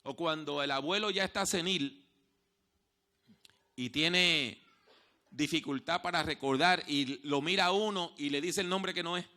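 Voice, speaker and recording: Man preaching in church, highish cutting voice, goes quiet then loud, repeats stuff slow for emphasis. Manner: storytelling preacher, swings from hushed to loud; repeats key phrases slowly for emphasis. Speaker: pastor. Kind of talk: sermon.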